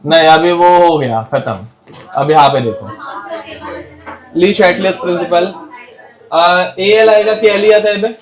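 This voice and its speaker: A man's voice: sits high, measured pace, pauses often, soft background music. A young Indian man with an Indian English accent teaching chemistry to a class, scolding talkers and dictating notes word by word. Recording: echoey classroom.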